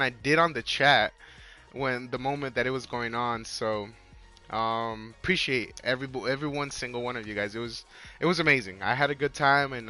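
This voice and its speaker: A man in his twenties chatting casually on a livestream with a hoarse, worn-out voice, rambling in slang and repeating his phrases. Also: medium pitch, bright, forceful tone. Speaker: live game streamer.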